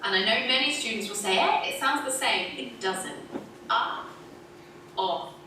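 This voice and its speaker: Heard from a distance as a video played in an echoey, noisy room, an English teacher with a standard southern British accent hosts a pronunciation lesson and laughs cheerfully as she explains. Her voice sits on the high side, animated and a little slow.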